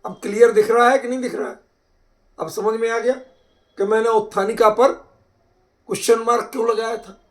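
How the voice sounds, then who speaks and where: A man with a notably high-pitched voice teaches scripture in an online group discussion. He explains with emphasis and homely examples, and he keeps quizzing his listeners to check that they follow. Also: little pitch movement, normal speed, long pauses.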